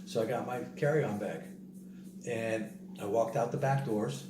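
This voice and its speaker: A man telling a casual story in an animated way, repeating himself and acting out what other people said. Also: on the low side, unhurried. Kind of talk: casual spoken travel story. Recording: roomy, distant mic, noisy background.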